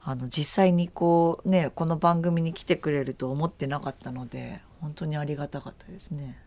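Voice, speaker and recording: A woman's voice: low-pitched, steady tone, moderate pace, a little mellow. A woman hosting a casual after-show chat, rambling along with many fillers and easy laughs. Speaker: radio show host.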